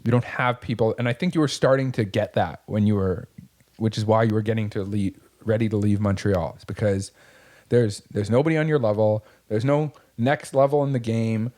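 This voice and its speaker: A man's voice: on the low side, fairly even intonation, normal speed, darkish tone. A man co-hosting a podcast in casual chat, talking bluntly and motivationally with frequent swearing. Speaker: podcast co-host.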